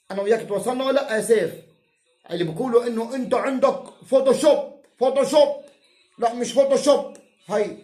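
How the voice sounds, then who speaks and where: A man with a Palestinian Arabic accent rants to camera in a fierce, insulting, mocking way. His voice sits high for a man. It rings around an echoey room. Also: darkish tone. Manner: heated, insulting and profane, mocking. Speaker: self-styled political commentator. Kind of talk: angry rant to camera.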